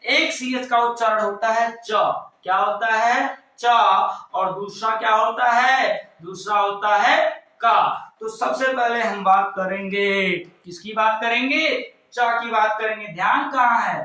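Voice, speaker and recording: A high, bright male voice teaches grammar at a slow, deliberate pace, firing questions at his class and answering them himself. He switches between Hindi and English as he explains. The sound carries heavy room echo from a mic set well back in the classroom. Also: recorded from a distance. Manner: drills with repeated call-and-response questions. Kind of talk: classroom-style lesson at a board. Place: classroom with a board.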